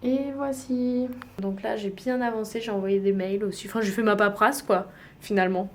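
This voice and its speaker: A woman's voice: medium pitch, steady tone, moderate pace. A young woman from France chatting in a casual travel vlog, slangy and upbeat, filmed on a handheld phone in a hotel room. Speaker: travel vlogger.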